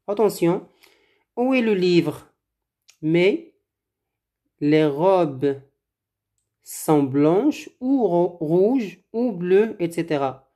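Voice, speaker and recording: Language teacher for a recorded lesson: unhurried, measured, warm and low in tone, repeats each item. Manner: slow, deliberate, repeats words for learners. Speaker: French teacher. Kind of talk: slow drill-style French lesson.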